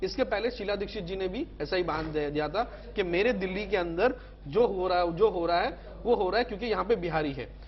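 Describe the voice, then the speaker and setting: A man with a very high voice argues as a panelist in a televised debate. He keeps repeating words and restarting his sentences as he pushes on. The broadcast sound is a little dull. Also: brisk. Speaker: political panelist. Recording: slightly dull TV broadcast audio.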